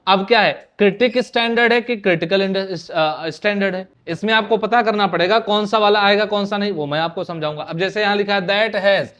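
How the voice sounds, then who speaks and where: A man with a high-pitched, fairly bright voice teaches an online exam-prep class, talking fairly quickly with hardly any pauses. He drills each point by asking his students questions and answering them himself. He also mixes words into his speech.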